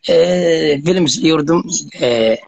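A 21-year-old man from Somalia with a Somali accent, speaking halting, broken learner's Turkish in a practice chat on a video call. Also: fairly high pitch, vocal fry, darkish tone, no echo, dull audio. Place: curtained room, on a video call. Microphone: phone held close, video call.

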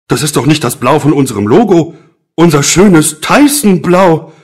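A man playing a brisk, excitable office boss with emphatic, theatrical delivery in a scripted lesson dialogue. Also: lowish voice, breathy edge. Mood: indignant.

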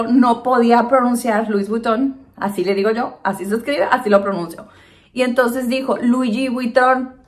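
A Mexican woman answering viewer questions in a casual chat to camera, animated and laughing often. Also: a little high. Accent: Mexican Spanish. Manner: chatty and animated, acts out voices in quotes.

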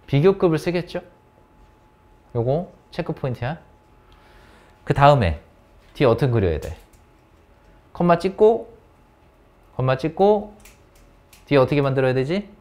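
In an academy classroom, a man teaches an English grammar lesson in English, firing question after question at his students and calling on them by name. His manner is lively and coaxing. He speaks unhurriedly in a mid-range voice, with long pauses.

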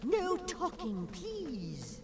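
Stern ghost librarian from a game, really high and slow, shushing whisper, distant sound. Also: female voice, huge pitch swings, crowd noise, heavily acted. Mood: stern, hushing. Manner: hushing, shushing, librarian-like scolding. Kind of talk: video game voice acting.

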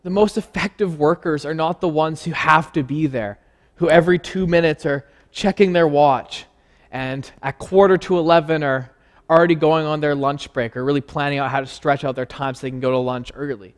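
Male preacher in a church, fairly high voice, earnest and conversational sermon delivery. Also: steady tone, moderate pace.

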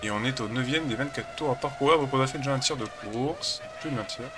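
A man's voice: mid-range voice, a little fast, noisy background. A man with a cold chatting casually as a gaming channel host, rambling and hesitant while he plays a racing game. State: has a cold.

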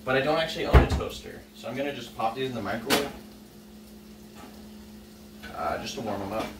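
Speaking briskly at a medium pitch, a young home cooking vlogger chats offhandedly in his kitchen, filling his talk with fillers. His casual vlog is picked up by a camera on the counter across the room, giving distant, roomy sound with noise.

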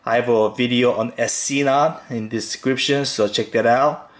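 A man with a medium-pitched voice hosts a fishing tutorial, calmly walking through each step as he ties knots. It's a step-by-step demonstration voice-over, slow and relaxed, with occasional fillers.

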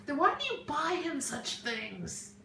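A woman's voice: high-pitched, big pitch swings, unhurried, creaky. A woman chatting casually in a family home video, with a chiding, disapproving manner. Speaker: mother filming a home video. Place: small kitchen or dining room at home. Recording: roomy echo, distant, faint noise.

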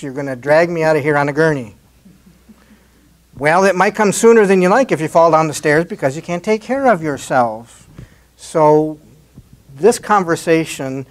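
A man giving a slide presentation at an adult education talk, speaking in a conversational, encouraging way and often tagging on rhetorical questions. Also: a little high.

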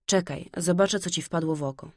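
Woman voicing a gentle caring little girl. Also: fairly low pitch, fairly quick, no room sound, clean studio sound. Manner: gentle and concerned.

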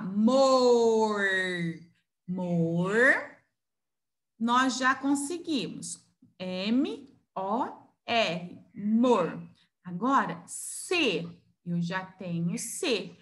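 A woman's voice: mid-range voice, fairly bright tone. A Brazilian woman teaching young children, sounding out words syllable by syllable and stretching each sound. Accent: Brazilian Portuguese. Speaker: preschool teacher. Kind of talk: recorded online lesson for young children.

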